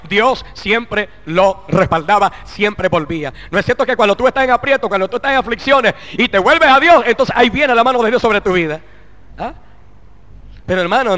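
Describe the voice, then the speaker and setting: A man preaches a fervent sermon in a high, ringing, bright voice, sprinkling in hallelujahs as he goes. He swings from urgent exhortation down to soft muttered asides, and a long hall reverb trails behind each phrase. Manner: fervent preaching, with frequent interjected "aleluya" and "bendito Cristo". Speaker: pastor.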